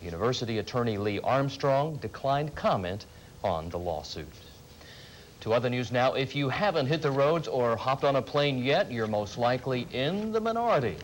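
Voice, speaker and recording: A man's voice: mid-range voice, sing-song, moderate pace, a little hiss or hum. A man anchoring a local television newscast, reading scripted news.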